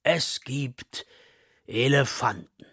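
A man voicing a gentle, wistful male elephant who speaks slowly and with longing. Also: mid-range voice, husky, no room sound, clean studio sound, heavily acted. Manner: slow, longing, soft-spoken.

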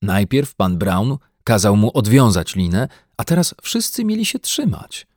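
A man narrating a children's audiobook in an expressive, animated storytelling manner. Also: lowish voice, measured pace, no room sound, studio quality. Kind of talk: scripted narration.

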